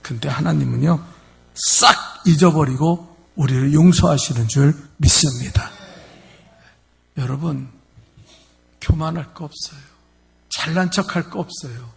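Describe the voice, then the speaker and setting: A man's voice: a little high, measured pace, vocal fry, pauses often, slightly rough. A male pastor preaching a sermon, emphatic, speaking directly to his congregation in church. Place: church sanctuary.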